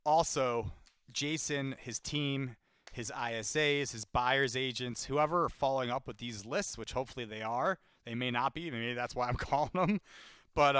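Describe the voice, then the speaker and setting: A man's voice: mid-range voice, fairly bright tone, clean tone, dry recording, clean studio sound. A man making live sales calls and chatting straight to his viewers in a loose, casual way full of fillers and restarts. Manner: chatty, talks straight to viewers and answers chat. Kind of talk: live-streamed commentary while cold calling.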